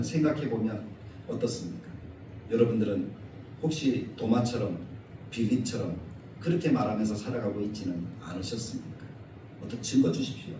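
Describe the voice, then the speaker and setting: A male pastor delivering a Sunday sermon in a church, animated, acting out quoted scolding in a raised voice. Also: medium pitch, noisy background. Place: church sanctuary. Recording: echoey church hall, mic at a distance.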